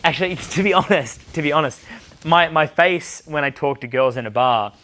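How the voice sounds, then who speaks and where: A young man giving a dating seminar, blunt and quick to swear, answering questions from the group. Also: on the high side, bright, forceful tone. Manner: blunt, swears freely, acts out bar dialogue. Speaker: dating coach.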